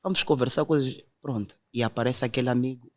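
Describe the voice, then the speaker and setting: A man's voice: medium pitch, steady tone, fast. A young man, earnestly telling his conversion testimony in a podcast conversation. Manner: earnest storytelling, quotes others directly.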